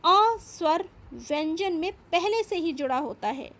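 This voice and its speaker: A woman's voice: very high-pitched, animated, unhurried, fairly bright tone. A woman teacher giving a patient, step-by-step grammar lesson, explaining and repeating each point. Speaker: school teacher. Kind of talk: slow classroom grammar lesson.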